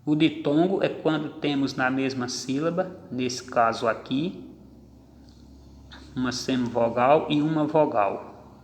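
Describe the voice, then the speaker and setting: A Portuguese teacher with a mid-range voice gives a grammar lesson slowly and deliberately, explaining step by step and counting out syllables one at a time. The room is echoey, with long reverb.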